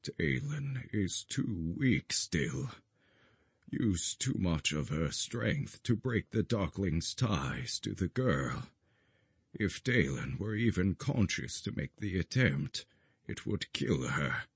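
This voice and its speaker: A man voicing a stern male guardian mage who speaks slowly and solemnly. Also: fairly low pitch, sing-song, breathy edge, dry recording, exaggerated voice. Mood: grieving. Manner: slow, solemn, measured.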